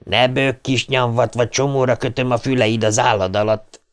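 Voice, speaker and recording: A man narrating an audiobook voices a teenage bully sidekick, loud and mocking, pitched well above his own voice. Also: steady tone, smooth, lightly acted. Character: loud jeering teen bully boy, sidekick.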